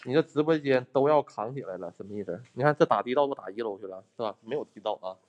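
A man's voice: medium pitch, animated, fast talker, darkish tone, muffled recording. A man hosting a live stream as a ghost hunter in an abandoned building, chatting bluntly with viewers, swearing and thanking them for gifts. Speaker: livestreaming ghost hunter host.

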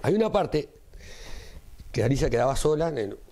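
A carnival performer with a Rioplatense Spanish accent appears as an interview guest and tells an anecdote in a medium-pitched voice at normal speed. He is a lively storyteller who acts out every line of dialogue, shifting his voice for each one.

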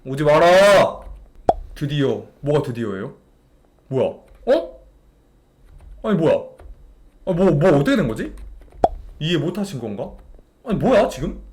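Young man, game streamer; high, animated delivery, exasperated commentary to chat. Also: measured pace, pauses often, a little hiss or hum. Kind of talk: live gameplay commentary to chat.

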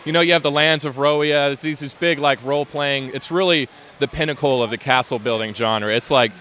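Casually interviewed at an indoor convention, a man describes his LEGO build in a rambling way, restarting often and using lots of fillers. His medium-pitched voice is sharp in tone and fairly quick, with a little hiss or hum.

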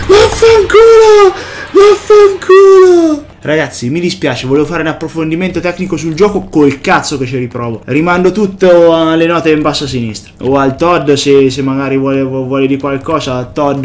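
Excitable Italian-speaking man yelping at scares. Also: a little high, a little hiss or hum. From Italy. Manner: excitable, swears and yelps at scares. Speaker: gameplay commentator. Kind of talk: horror game let's play commentary.

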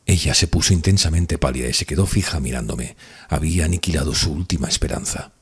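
A male audiobook narrator reads a classic novel in an earnest, steady first-person voice. His voice sits very low, with a husky, breathy texture. The delivery stays measured and literary.

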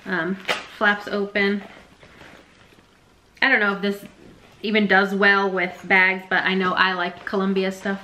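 A woman's voice: mid-range voice, flat delivery, a little slow, pauses often, bright, forceful tone, slight background noise, rough recording. A young woman chatting casually through a resale haul vlog, rambling and self-deprecating. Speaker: reseller vlogger.

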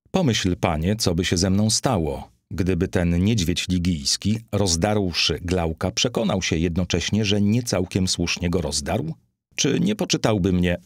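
A man voicing a cunning, fawning Greek flatterer in an audiobook, wheedling and obsequious. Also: sits low, no echo, studio quality.

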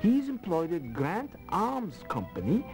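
Brief: a smooth French gentleman suspect, animated delivery, faint music under. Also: high voice, unhurried, heavily acted. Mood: charming. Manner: smooth, chuckling, evasive. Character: suave French uncle suspect, chess player. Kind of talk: video game voice acting.

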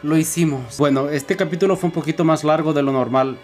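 A man's voice: fairly high pitch, fairly quick. A man hosting a let's play, giving casual, chatty commentary and reading game dialogue aloud. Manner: casual and chatty, signs off informally. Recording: loud game music underneath.

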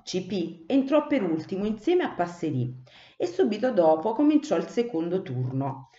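A woman teacher reading a children's book aloud, with slow, expressive storytelling. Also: mid-range voice. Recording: echoey room, dull muffled sound.

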